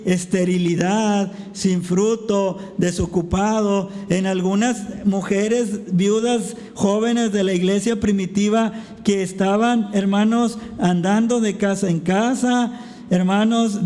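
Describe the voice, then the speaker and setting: High-voiced conversational male preacher. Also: mellow. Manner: conversational, keeps addressing the congregation as brothers. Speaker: pastor. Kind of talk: sermon with storytelling. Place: church service. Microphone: recorded preaching mic.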